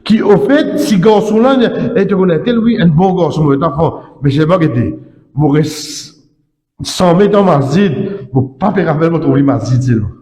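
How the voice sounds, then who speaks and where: A man's voice: fairly high pitch, lively intonation, moderate pace, mellow. A man giving an Islamic sermon as imam, emphatic and repetitive, with frequent tag words. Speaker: imam preacher. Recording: echoey hall with long reverb.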